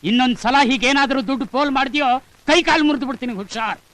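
A man's voice: extremely high pitch, rapid-fire, bright, forceful tone, rough recording. An actor playing a hot-tempered, stingy middle-aged father who grumbles and scolds his son. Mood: scolding. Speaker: the hero's father. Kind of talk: Kannada film dialogue.

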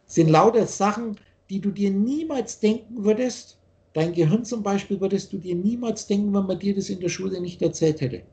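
An older man holds forth over a video call, his voice pitched high yet dark and mellow in tone. He lectures like a spiritual teacher, rambling and insistent, often breaking off and restarting his sentences. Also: normal speed, creaky. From Austria.

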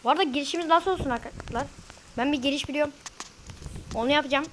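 Woman, fairly high voice, casual gameplay commentary, grumbling, exclaiming, easily frustrated, faint background noise. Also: very fast, a bit bright, rough recording. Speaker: gamer.

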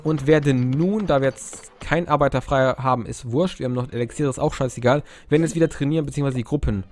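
A man's voice: mid-range voice, quick pace, darkish tone, faint music behind. A young man giving casual, rambling gameplay commentary, cracking crude jokes and interrupting himself. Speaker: Let's Play host.

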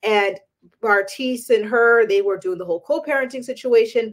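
Chatty opinionated woman gossip host. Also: medium pitch. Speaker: celebrity gossip channel host. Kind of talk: casual gossip commentary.

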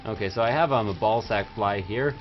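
With game music behind him, a young man livestreams a video game and gives goofy, rowdy commentary, sounding like a tipsy party animal. His voice is on the low side and fairly quick, with the mic pulled close to his face. The stream audio is dull and lo-fi.

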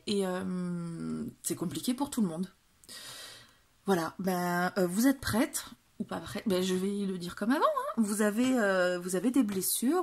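A woman's voice: medium pitch, a little hiss or hum. A woman doing a casual tarot reading for viewers, talking with many hesitations and restarts. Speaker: tarot reader.

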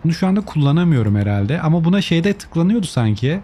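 A man's voice: fairly high pitch, very animated, fast, warm tone, slightly rough. A man commentating a game video, translating lines and musing aloud as he clicks. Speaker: gaming youtuber. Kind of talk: let's play commentary.

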